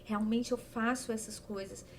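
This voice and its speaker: A woman co-hosting a faith podcast, reflective and measured as she responds. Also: fairly high pitch, steady tone, slight background noise. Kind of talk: casual faith chat.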